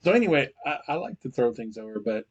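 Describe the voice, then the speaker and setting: A man's voice: mid-range voice, expressive, quick pace, husky, highs cut off. A middle-aged man co-hosting a podcast, teasing his daughter and laughing a lot during joking banter. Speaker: podcast co-host.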